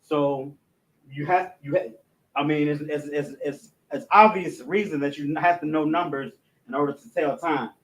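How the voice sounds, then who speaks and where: In this low-quality recording, a fairly high-pitched male teacher recites an alphabet letter by letter during a language lesson. He stumbles often, restarting phrases and leaning on fillers.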